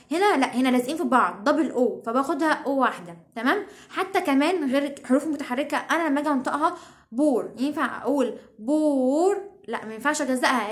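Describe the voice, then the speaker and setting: A young Egyptian woman explaining English grammar in an online lesson, chatty and often checking that students follow. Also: sits high. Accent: Egyptian Arabic. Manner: chatty, keeps checking understanding.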